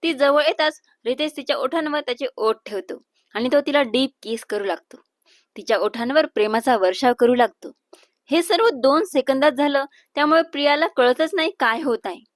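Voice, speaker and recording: A woman narrates a romantic serial story with a high, clear voice. The sound is dry and close, with almost no room around it. She tells it in a steady, even storyteller's way. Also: moderate pace, dry recording.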